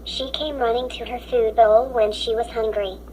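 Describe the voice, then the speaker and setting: A woman's voice: fairly high pitch, steady tone, moderate pace, mellow, a little hiss or hum, low-quality recording. A synthetic woman's voice with a robotic text-to-speech sound, reading children's stories aloud in a stiff, mechanical way. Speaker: story app narrator.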